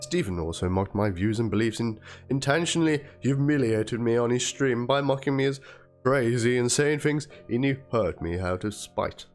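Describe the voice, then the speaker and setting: With music playing under his voice, a man gives a theatrical, dramatic reading of a written document. His voice is medium in pitch and he speaks at normal speed.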